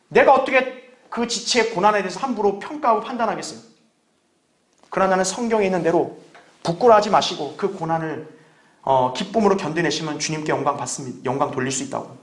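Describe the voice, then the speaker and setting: A man with a high-pitched voice delivers a Sunday sermon as a pastor. He talks to his congregation in an earnest, conversational way, leaning on rhetorical questions to press his point home.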